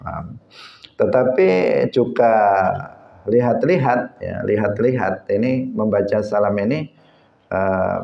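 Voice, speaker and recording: Low-voiced male religious teacher, echoey hall. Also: gravelly. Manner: unhurried, many "eh" fillers, acts out greetings. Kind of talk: hadith study lesson. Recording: echoey, dull lo-fi recording.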